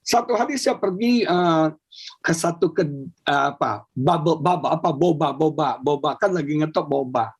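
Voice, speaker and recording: A male pastor preaching a lively sermon over a video call, often asking the congregation whether they agree. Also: fairly high pitch, normal speed, husky.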